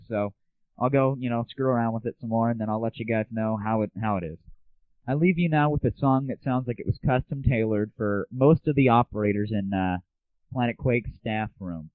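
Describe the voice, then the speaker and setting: This fairly low-pitched American man hosts an online gaming news show, delivering solo commentary that's casual, slangy, irreverent and full of opinions. There's no room sound, but the whole thing has a muffled, phone-like lo-fi quality.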